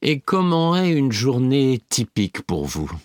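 A man playing a polite interviewer in a scripted listening-exam recording, asking questions slowly. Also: mid-range voice, big pitch swings, darkish tone, dry recording, clean studio sound. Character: adult male interviewer, polite and curious.

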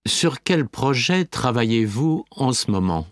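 A man playing a polite interviewer in a scripted listening-exam recording, asking questions slowly. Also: medium pitch, lively intonation, no room sound, clean studio sound, natural voice. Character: adult male interviewer, polite and curious.

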